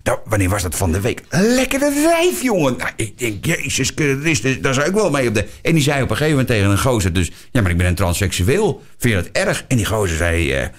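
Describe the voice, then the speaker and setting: A man's voice: on the low side, fast talker, hardly any pauses. A middle-aged man with a Dutch accent, hosting a podcast in a crude, boisterous, casual chat style. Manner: boisterous, crude, animated storytelling. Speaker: podcast host.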